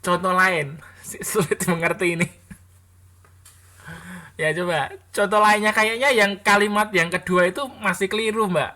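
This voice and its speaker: Woman, classroom teacher; bright tone, chatty, corrects students with frequent restarts. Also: fairly low pitch, moderate pace. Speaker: English teacher.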